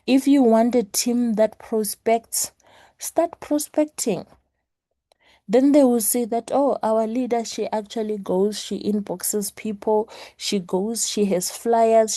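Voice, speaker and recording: A woman with a hoarse morning voice giving an earnest motivational class to her team, repeating her key points. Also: mid-range voice, mellow, no room sound. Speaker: network marketing leader teaching a class. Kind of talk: motivational teaching talk.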